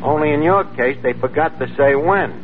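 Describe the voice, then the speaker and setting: In a 1940s radio comedy, an actor plays a wisecracking, pretentious lowbrow New York tavern manager who puts on mock-refined diction and mangles grammar and fancy words. His natural male voice moves fairly quickly in a sardonic, breezy mood. The recording is tinny and noisy, typical of 1940s radio.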